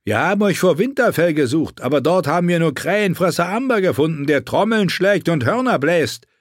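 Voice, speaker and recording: A man's voice: on the high side, lively intonation, a little fast, no room sound, pitched above the performer's own voice. A man doing a loyal young soldier who reports in a firm, respectful voice, lifted above his own. The sound is close and dry. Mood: earnest.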